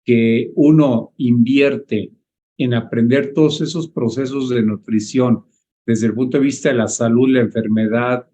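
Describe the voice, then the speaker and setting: Un médico que explica temas de nutrición en una sesión de preguntas en vivo, con tono didáctico y preguntando "¿sí?" a menudo. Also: male voice, medium pitch, fairly even intonation, measured pace, warm tone. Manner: didactic, asks "¿sí?" often. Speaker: doctor answering questions. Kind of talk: explaining on a live online Q&A.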